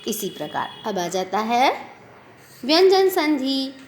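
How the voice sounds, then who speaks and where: Slow, lively woman teaching grammar. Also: sits high, a little hiss or hum. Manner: slow, drawn-out pronunciation of example words; asks the listener questions and answers them. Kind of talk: Hindi grammar lesson.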